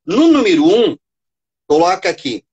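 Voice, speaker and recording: A woman's voice: on the low side, very animated, a little slow, darkish tone, husky, lo-fi sound. A woman from Brazil leading a live teaching session for teachers, patient, checking in often and counting syllables aloud. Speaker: teacher presenting a workshop for teachers.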